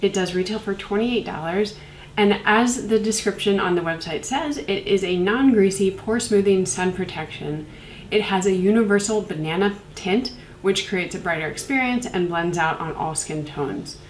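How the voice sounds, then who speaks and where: At a moderate pace and in a mid-range voice, a young beauty reviewer talks through skincare products, her voice congested from a cold. The low-quality recording is reverberant with slight background noise, and her casual vlog chatter rambles with plenty of fillers.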